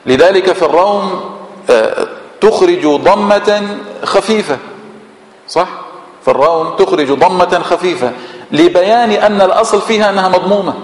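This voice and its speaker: Man, Levantine Arabic accent, mosque exegesis lesson, fairly high voice, answers his own questions, long hall echo. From Syria. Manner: asks rhetorical questions and answers them himself. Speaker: sheikh teaching Quran exegesis.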